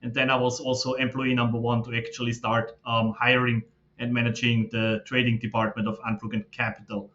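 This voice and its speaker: Man, 30s, bright forceful tone, steady explanations, slightly dull lo-fi sound. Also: mid-range voice, fairly quick. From Austria. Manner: steady, explanatory, with frequent fillers. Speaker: guest, fund manager. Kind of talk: casual interview talk.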